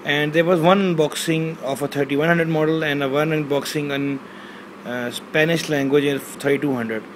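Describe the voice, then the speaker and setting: Speaking Urdu at a moderate pace, this unboxing reviewer has a voice on the high side and fairly even intonation. He films on a handheld phone in a small bedroom, hesitating with frequent fillers and reading the box labels aloud. Slight background noise is present.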